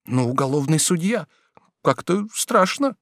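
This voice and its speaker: Storybook figure: a shy, scared young woman, voiced by a male reader, high and slow, begging. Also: sing-song, no room sound, studio quality. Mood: hesitant. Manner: pleading, drawn-out high voice. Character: timid frightened young woman, pleading.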